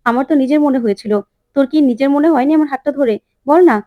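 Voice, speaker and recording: A woman's voice: fairly high pitch, brisk, dry recording, muffled recording, close to an everyday voice. A woman reading the lines of a tough young woman archer in a retold TV serial, blunt and challenging.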